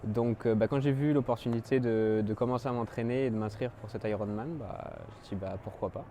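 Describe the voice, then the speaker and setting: A man in his twenties from France, telling his story as an amateur triathlete in a halting way, with many fillers and restarts. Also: fairly low pitch, fairly even intonation, warm tone, a little hiss or hum. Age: 20s. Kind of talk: personal interview monologue.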